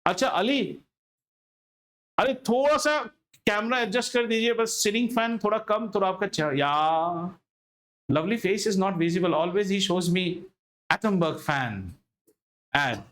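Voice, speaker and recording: A male schoolteacher with an Indian accent and a high-pitched voice. He explains in an animated, interactive way, repeating key phrases for emphasis and putting rhetorical questions to his students. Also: racing, long pauses. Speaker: school physics teacher. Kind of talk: interactive classroom lesson.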